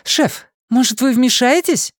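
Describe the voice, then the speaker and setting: A stubborn, fiery young policewoman, as a male narrator puts her on, in an audiobook. Her voice is raised high and sharp, and she talks in an insistent, indignant way. It is recorded close and dry. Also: a little slow, no room sound.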